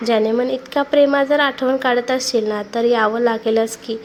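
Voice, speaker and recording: Woman reads a smug young college bully, higher-pitched, storybook villain. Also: fairly even intonation, moderate pace, a little hiss or hum, close to an everyday voice. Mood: leering.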